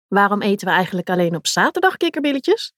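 A woman voicing an excited ten-year-old princess in a storybook reading, bubbly and eager. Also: mid-range voice, quick pace, no room sound, clean studio sound.

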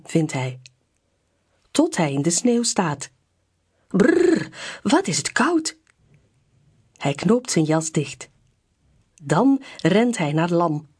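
A woman reading a children's picture book aloud in a slow, clear storybook delivery. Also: fairly low pitch, darkish tone.

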